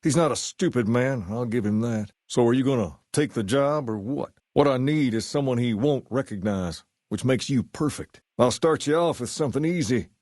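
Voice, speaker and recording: An actor playing an easygoing, self-assured gang leader styled as a rock-and-roll king in a video game, with folksy, colloquial, measured delivery. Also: mid-range voice, a little mellow, dry recording, studio quality, natural voice. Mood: cool, assured. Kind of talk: scripted game character dialogue.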